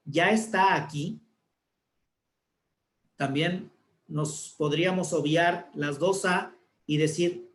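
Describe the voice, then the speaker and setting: A man, an announcer, explaining speaking techniques in a relaxed talk and demonstrating intonations. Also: on the high side, echoey room. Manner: didactic, demonstrates intonations with examples. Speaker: guest speaker, announcer and communicator.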